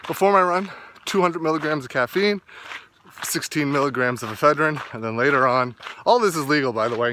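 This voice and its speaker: A man talking casually to a vlog while walking outdoors, rambling and often pausing to find his words. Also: mid-range voice, background noise. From east coast of Canada. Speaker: fitness vlogger.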